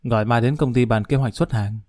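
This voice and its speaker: A man's voice: medium pitch, a little fast, darkish tone, no room sound, clean studio sound, lightly acted. A man playing a nervous, timid husband who talks in an anxious, placating way.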